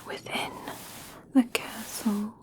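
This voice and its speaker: A woman voicing a kind, reassuring young elf princess in a soft, breathy, soothing whisper for an ASMR personal attention roleplay. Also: lightly acted. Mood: soothing, caring. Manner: slow, gentle, soothing, hushed.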